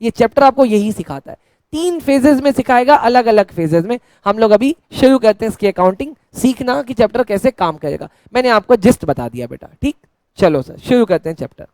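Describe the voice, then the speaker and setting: A male teacher giving a lecture in a playful way, dictating notes slowly word by word and answering his own questions in a mock student voice. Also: very high voice, animated, darkish tone, no room sound. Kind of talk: classroom lecture.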